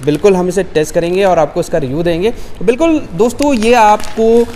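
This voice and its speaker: Upbeat high-voiced young man vlogging. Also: brisk, dark tone, long reverb tail, slight background noise. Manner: upbeat salesy, addresses viewers as friends. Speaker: vlogger host. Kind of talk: promotional vlog presenting. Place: large warehouse floor.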